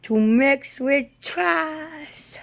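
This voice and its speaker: A woman giving a rambling spoken monologue in disjointed, halting, drifting phrases. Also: high-pitched, vocal fry, a bit bright, no room sound.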